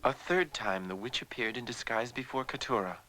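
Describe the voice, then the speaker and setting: A man narrating a scripted fairy tale as a measured storyteller. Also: mid-range voice, pushed and bright, slight background noise.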